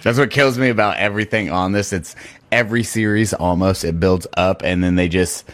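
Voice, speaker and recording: A man's voice: deep voice, fairly quick, dry recording. A man complaining and swearing in casual chat.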